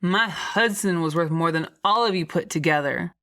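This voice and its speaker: A woman's voice: on the low side, moderate pace, a bit bright. A woman voicing a drunk, grieving older mother-in-law in an audiobook, slurred, belligerent and wounded.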